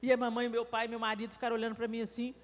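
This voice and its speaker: In a large church hall, a Brazilian-accented woman preaches live, and her story swells into tearful outbursts. She speaks rapid-fire in a fairly high voice with little pitch movement. The live church recording has long reverb and a little hiss or hum.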